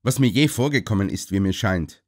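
A man voicing an angry, indignant young gentleman who shouts in a broad country dialect. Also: fairly low pitch, lively intonation, a little fast. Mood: exasperated.

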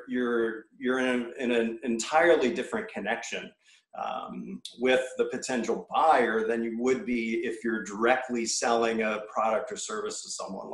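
A man, an alumni guest speaker, giving a measured prepared talk to students, with frequent fillers and restarts. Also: medium pitch. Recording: roomy echo.

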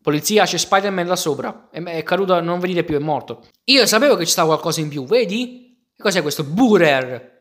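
A young man gives casual commentary while he plays a Minecraft game. He is excitable and keeps exclaiming to his viewers. His voice sits a little higher than most men's. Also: fairly quick. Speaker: gaming youtuber.

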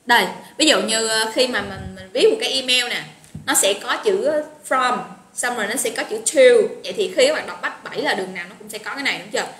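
A slightly high, a bit bright woman's voice moves at a quick pace over soft background music. She has a Southern Vietnamese accent and teaches a live online English vocabulary class, chatting and encouraging students by name, in a roomy, echoey recording with faint noise.

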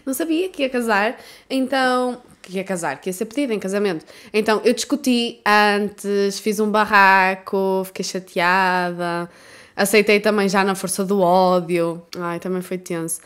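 A woman's voice: mid-range voice, steady tone, moderate pace, fairly bright tone, clean tone. A woman from Portugal with a European Portuguese accent, hosting a reaction video in candid, self-mocking casual chat. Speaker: reaction channel host.

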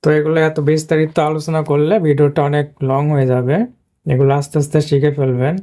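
A male English teacher talks through a lesson on screen. He explains patiently and repeats himself often. His voice is mellow and dark, and it stays on an even, flat pitch. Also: quick pace. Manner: patient, repetitive explaining with frequent "but" fillers. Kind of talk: screen-based video lesson.

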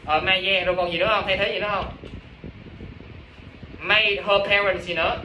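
High-voiced male teacher in an echoey classroom. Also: steady tone, normal speed, pushed and bright, muffled recording. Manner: coaxing, repeatedly checks understanding. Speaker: English teacher. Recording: roomy, distant classroom recording with noise.

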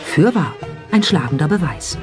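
This documentary narration is scripted and sing-song, delivered at normal speed and medium pitch with music clearly behind it. The tone carries pointed skepticism and rhetorical flair.

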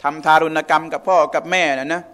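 A man's voice: on the high side, steady tone, brisk, fairly bright tone. A man giving a conversational religious lecture in a mosque, often asking the audience questions. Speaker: religious teacher.

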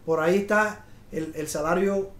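Middle-aged male host, high voice, rambling upbeat salesman, echoey studio. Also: steady tone, normal speed. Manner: rambling, restarts and fillers, upbeat sales pitch. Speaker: realtor and show host. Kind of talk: live video talk on home finance. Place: studio in front of a slide screen.

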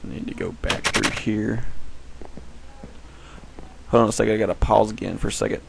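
A man chats casually over his gameplay, rambling and often fixing his own slips. His voice sits a bit low and has a gravelly texture. A faint hiss stays in the background. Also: steady tone, normal speed. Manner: rambling, self-correcting. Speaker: gameplay commentator.

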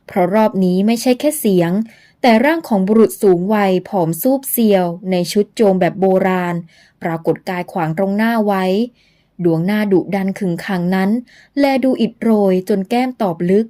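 A woman narrates an audio novel in slow, measured storytelling. Her voice is mellow and warm, pitched in an ordinary middle range.

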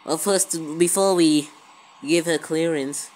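This is a slow, slightly mellow woman's voice in the mid range with fairly even intonation, and the audio quality is poor. She's a video creator casually commenting on a game, often repeating words and phrases, and she's recording the screen on a handheld phone, so faint background noise runs through this amateur capture.

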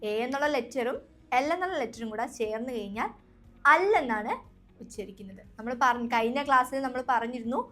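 A woman's voice: a little high, fairly bright tone. Patient Malayali woman teaching English sounds. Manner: patient, repeats each sound and quizzes listeners. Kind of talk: spoken English lesson. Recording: faint background music.

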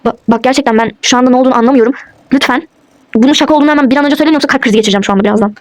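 A woman's voice: high voice, very fast, no room sound, close to an everyday voice. A woman voicing a frantic young husband in a toy role-play, pleading and disbelieving. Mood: distraught.

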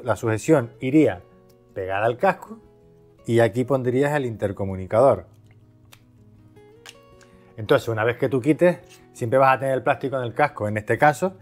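With faint music playing behind him, a video host from Spain gives a relaxed, chatty product review, asking his own questions and then answering them. He speaks at a normal speed in an expressive, medium-pitched voice.

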